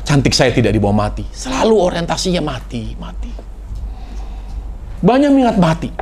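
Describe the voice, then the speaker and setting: A man preaching a sermon to a congregation, dramatic, swinging between loud exclamations and hushed, near-whispered lines. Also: on the high side, huge pitch swings, quick pace, slight background noise.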